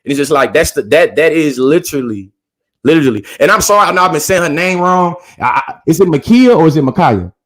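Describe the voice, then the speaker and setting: A man's voice: on the high side, fast talker, fairly bright tone. A man recapping a debate in casual talk, earnestly laying out long chains of reasoning and leaning on the word "literally".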